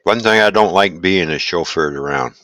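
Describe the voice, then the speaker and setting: A man hosting a casual live stream, chatting in a relaxed, rambling way and greeting viewers while he eats. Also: deep voice, moderate pace, no echo. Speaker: livestream host.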